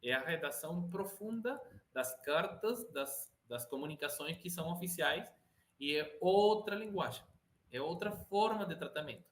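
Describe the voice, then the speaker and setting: Speaking Portuguese with a Venezuelan accent, a man whose native language is Spanish chats casually as an interview guest, often hesitant and restarting while he searches for words. His voice is on the high side, with lively intonation at a normal speed.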